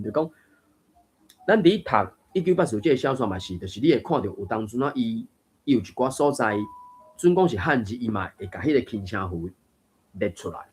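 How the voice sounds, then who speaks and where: A man's voice: mid-range voice, a little mellow, breathy edge. Musing man in a Taiwanese language chat. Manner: thoughtful, musing, with fillers and laughs. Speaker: reading group host. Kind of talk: casual discussion of Taiwanese texts.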